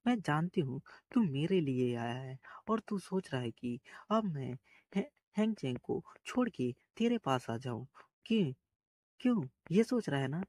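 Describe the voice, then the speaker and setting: A man's voice: fairly high pitch, sing-song, measured pace, darkish tone, dry recording. Lingling, a scornful young woman, as a man reads her lines. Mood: taunting.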